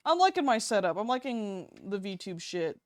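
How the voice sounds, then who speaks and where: A woman's voice: mid-range voice, very animated, normal speed, dry recording, studio quality. A young woman streaming while she draws, chatting casually, giggling and swearing easily. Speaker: streamer and artist. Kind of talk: casual live-stream chat while drawing.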